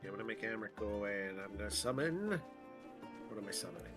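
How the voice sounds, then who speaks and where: A woman's voice: very deep voice, expressive, fast. A woman chatting casually as she plays a game and reacts to it. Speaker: gameplay streamer. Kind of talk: casual playthrough chat, reading dialogue aloud. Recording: game music behind.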